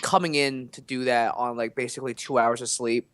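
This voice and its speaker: A young man co-hosting a podcast, telling animated, rambling stories in casual chat with lots of fillers. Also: mid-range voice, a little fast, clear, resonant tone, no room sound. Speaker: podcast co-host.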